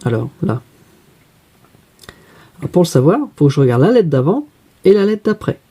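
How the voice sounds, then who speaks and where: A man's voice: fairly high pitch, very animated, normal speed, dark tone, breathy edge. A man teaching a spelling lesson, patiently walking through each step by asking and answering his own questions.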